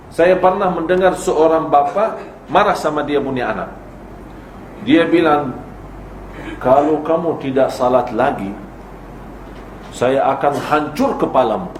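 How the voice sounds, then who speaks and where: Male preacher, fairly high voice, teaching style with rhetorical questions; echoey room, faint background noise. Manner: explains with rhetorical questions and acted examples. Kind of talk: religious lecture on parenting.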